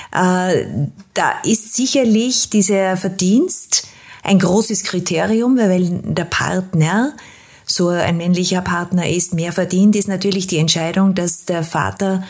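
A woman's voice: mid-range voice, a little mellow. A woman hosting an interview podcast, asking long, winding questions with frequent hesitations. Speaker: podcast host.

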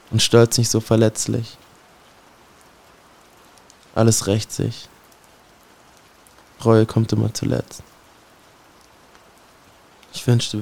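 A man's voice: mid-range voice, vocal fry, darkish tone. A man performing a spoken-word poem in a solemn, brooding way, speaking directly to someone he addresses. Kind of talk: spoken-word poetry recitation.

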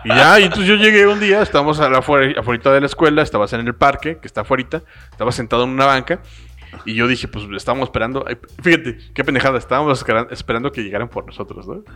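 A man's voice: medium pitch, rapid-fire. A young man with a Mexican Spanish accent, telling stories in casual chat, slangy and joking. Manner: slangy, joking, animated storytelling. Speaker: podcast co-host.

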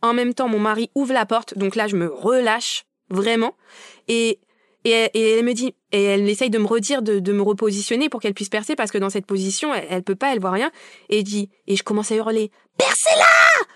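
A woman's voice: medium pitch, a little fast, dry recording. Woman telling a birth story, dry sound. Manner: animated, acts out quoted dialogue; emotional. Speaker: podcast guest. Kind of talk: casual storytelling.

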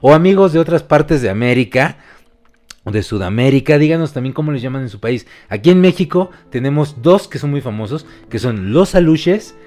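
A man's voice: mid-range voice, lively intonation, fairly quick, a little mellow. A man with a Mexican accent, co-hosting a casual chat and explaining things in a loose, talkative way with the odd swear word. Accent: Mexican Spanish. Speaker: co-host.

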